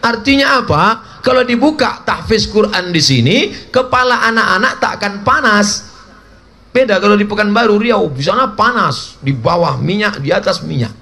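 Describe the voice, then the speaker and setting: A man's voice: high voice, lively intonation, normal speed, gravelly, sharp tone. A man in his forties giving a humorous sermon as a preacher, joking and acting out little dialogues. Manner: jokey, acts out dialogues with shifting voices.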